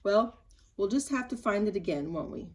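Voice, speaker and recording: A woman voicing a cheerful chatty little man in a storybook, raising her voice bright and eager. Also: medium pitch, animated, moderate pace, close to an everyday voice. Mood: encouraging.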